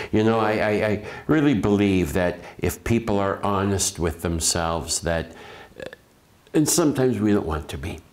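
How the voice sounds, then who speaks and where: A priest delivers a funeral homily in a gentle, reflective way. His voice sits very low, and he speaks slowly and deliberately, pausing and restarting as he gathers his thoughts.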